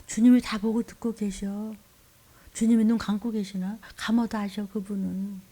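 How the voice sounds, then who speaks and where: A woman's voice: mid-range voice, level tone, moderate pace, dark tone, husky. A woman pastor preaching a sermon, scolding and pleading, often dropping into a whisper.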